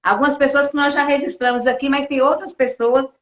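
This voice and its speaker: A woman's voice: high-pitched, fairly even intonation, brisk, fairly bright tone, muffled recording. Chatty woman on an echoey live stream. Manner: chatty, greets viewers by name, asks long questions. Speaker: host, state deputy. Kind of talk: live interview conversation.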